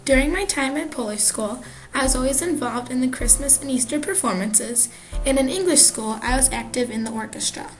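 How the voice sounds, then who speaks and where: A woman's voice: fairly high pitch, low-quality recording. A young woman from the area, earnestly reading a scripted personal story as a student who plans to teach. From Chicago area, United States. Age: young adult. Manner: earnest, steady, scripted delivery. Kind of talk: read-aloud personal narrative. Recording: music playing clearly underneath.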